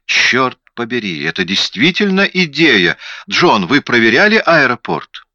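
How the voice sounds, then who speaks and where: A brisk, probing male investigator, as an audiobook reader plays him with a low, bright and forceful voice. He fires off questions with quiet authority. The recording is dry and slightly dull. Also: expressive, no room sound. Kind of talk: audiobook character reading.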